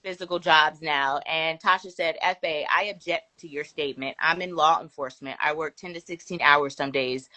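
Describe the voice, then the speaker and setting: Bright-voiced woman reading viewer comments. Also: deep voice, steady tone, dry recording. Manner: reads comments aloud with quick laughs and asides. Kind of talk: casual live-stream chat.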